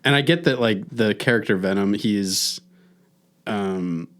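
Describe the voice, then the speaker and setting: A man co-hosting a podcast in casual chat, measured and thoughtful. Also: fairly low pitch, fairly bright tone. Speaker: podcast co-host.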